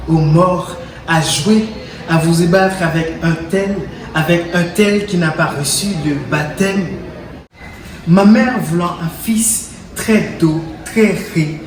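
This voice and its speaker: A young man, a student, declaiming poetry with the deliberate, theatrical delivery of a hammy stage actor. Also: a little high. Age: teens to young adult. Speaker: student reciting in a reading contest. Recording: roomy, distant mic, clear background noise.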